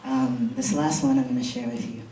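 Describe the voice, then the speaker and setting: A man's voice: on the high side, big pitch swings, brisk, gravelly, warm tone. Rhythmic male spoken-word poet, echoey room. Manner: rhythmic, emphatic repetition. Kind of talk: spoken word poetry performance. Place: college event room. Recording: echoey room, distant mic, faint hiss.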